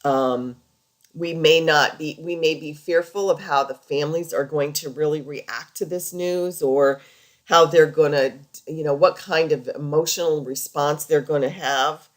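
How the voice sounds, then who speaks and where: A woman's voice: sits low, fairly even intonation, a little slow. A woman lecturing over slides in an informal, conversational and explanatory way, as a healthcare practitioner teaching.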